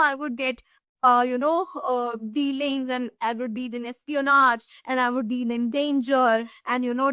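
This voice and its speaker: A young Indian woman, an English teacher, leads an exam revision lesson in a chatty style, switching between languages and saying "you know" a lot. Her voice is high and a bit bright, recorded cleanly in a studio with no echo.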